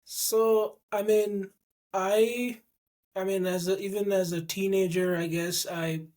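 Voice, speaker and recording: A man's voice: high-pitched, flat delivery, slow pace, a little mellow. A man in his thirties from India, a podcast guest who speaks hesitantly, often restarting his sentences. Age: 30s. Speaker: guest, mobile technician. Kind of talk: casual podcast interview.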